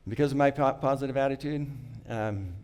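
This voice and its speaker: Speaking at medium pitch and a little fast, with a darkish tone, this middle-aged non-native English speaker recounts a rehearsed personal story. He sounds earnest and reflective, restarting small bits and often clearing his throat.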